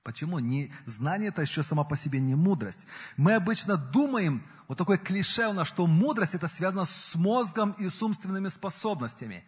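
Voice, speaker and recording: Husky man preaching in a hall. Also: sits high, animated, brisk. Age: 40s. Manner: earnest, rises and falls in emphasis. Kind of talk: sermon. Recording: long hall reverb.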